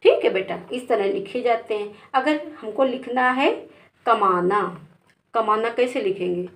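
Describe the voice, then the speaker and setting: A woman's voice: fairly high pitch, a little slow, a bit bright. A woman from India teaching a beginner spelling lesson, spelling words out letter by letter and calling her learners "beta".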